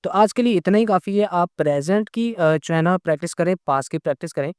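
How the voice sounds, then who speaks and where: A man's voice: sits high, expressive, quick pace, clean tone, dry recording, studio quality. A man teaching a grammar lesson, explaining patiently and checking in with "okay?" after nearly every point. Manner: patient, repeats "okay?" often. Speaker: language teacher.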